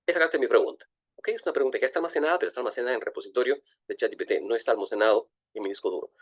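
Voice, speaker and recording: A middle-aged man, lecturing at a virtual conference, lively and full of fillers and restarts. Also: medium pitch, very fast, no echo, studio quality. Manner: animated, frequent fillers and restarts. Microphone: video call.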